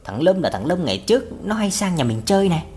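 A woman narrator puts on a grieving old village man, his voice pitched low and kept soft. He pleads through tears in broken phrases. His delivery swings widely in tone, as in a spoken ghost story. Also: big pitch swings, fast talker, husky. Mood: weary. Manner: broken, sobbing pleas.

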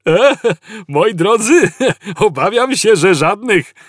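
A man's voice: high-pitched, animated, slow, fairly bright tone, no echo, studio quality, pitched above the performer's own voice, exaggerated voice. A man voicing a cheerful, overfriendly male ship computer in an audiobook, with a chirpy, giggly manner.

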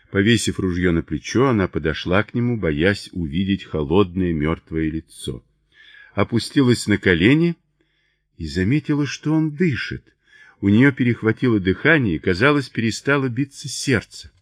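A man narrating a thriller audiobook in a measured, expressive way. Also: fairly low pitch, no echo.

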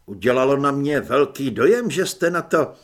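A man voicing a flustered, formal middle-aged newspaper man in an audiobook, speaking loudly with exasperation. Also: medium pitch, animated, close to an everyday voice. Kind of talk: audiobook character voice.

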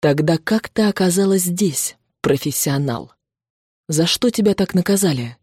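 A woman's voice: fairly low pitch, animated, normal speed, darkish tone, husky, dry recording, clean studio sound. A woman voicing a flirtatious younger male werewolf in a storybook reading, teasing in manner.

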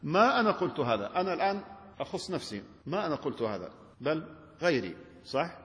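A man teaching rhetoric as a sheikh, in a lively classroom lecture full of questions to his students and quick restarts. His voice sits a little high and races along. The room rings with a long hall reverb.

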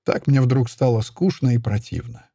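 A man reading a literary audiobook in the first person, with expressive storytelling. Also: medium pitch, normal speed, gravelly, husky, no room sound, clean studio sound. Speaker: audiobook reader.

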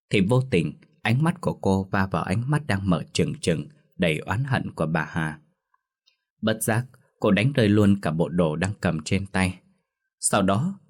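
A man narrating a scripted ghost story in a steady storytelling manner. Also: low voice.

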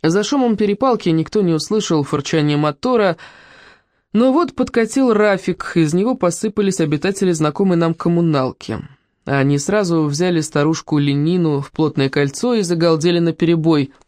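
A narrator reading a comic novel aloud with an expressive delivery. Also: mid-range voice, normal speed, no echo, clean studio sound.

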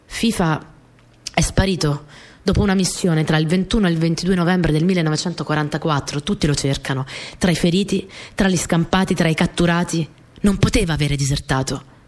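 Playing a young wartime partisan courier who is small, earnest, and quick to get flustered, an actress delivers an intimate, expressive radio monologue. Her voice sits at a fairly low pitch, fairly quick and lightly acted, in an earnest, reflective mood.

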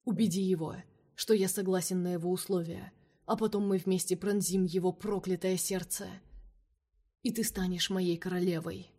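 A woman voicing a cunning male vampire king held captive, speaking softly and coaxingly in a storybook reading. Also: on the low side, steady tone, normal speed, close to an everyday voice. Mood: seductive. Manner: soft, velvety, coaxing.

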